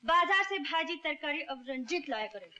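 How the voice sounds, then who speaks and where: एक अभिनेत्री पुरानी हिंदी फ़िल्म में एक निडर, बेबाक युवा बंजारन लड़की का किरदार निभा रही है।. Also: female voice, sits high, expressive, normal speed, pushed and bright. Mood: commanding. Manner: commanding and forthright. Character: bold young street-dancer woman, fiery and tender. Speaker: lead actress. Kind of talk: 1970s Hindi film dialogue. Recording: old film soundtrack with music behind.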